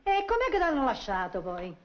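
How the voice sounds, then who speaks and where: A woman playing a sharp-tongued wife and mother, scolding and sarcastic, in an old comedy recording. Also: sits high, wildly swooping pitch, moderate pace, lo-fi sound, a little hiss or hum.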